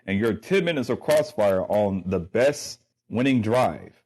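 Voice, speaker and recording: A man's voice: lowish voice, expressive, a little slow, a little mellow, husky. A man hosting and moderating a sports debate show, easygoing and full of ums. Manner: easygoing, filler-heavy moderator.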